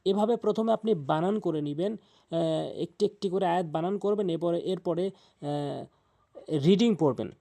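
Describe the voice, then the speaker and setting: A man teaching Quran reading, patiently spelling out each letter with its vowel, then chanting the verse slowly and drawn out. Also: sits high, vocal fry, mellow. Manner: patient, repetitive instruction with frequent pauses. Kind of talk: spelling-out recitation lesson.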